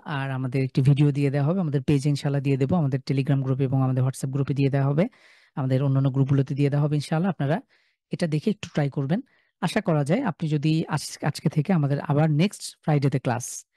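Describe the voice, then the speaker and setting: A young man with a Bangladeshi Bengali accent, teaching an online class and sounding out each letter slowly and loudly before explaining it. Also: a little high, no room sound. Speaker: Quran recitation teacher. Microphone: video call.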